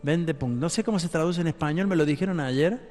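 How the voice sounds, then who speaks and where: Emphatic pastor preaching in a reverberant hall. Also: male voice, fairly high pitch, fast, a little mellow, faint music behind. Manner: emphatic, addresses the congregation directly. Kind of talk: sermon.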